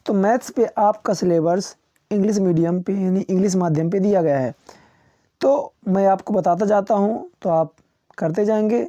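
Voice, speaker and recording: A man teaching as a coaching tutor, walking students through which topics to skip. He lists them one by one with small chuckles and slows down to read English titles. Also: sits high, mellow, dry recording, dull audio. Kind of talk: syllabus walkthrough for students.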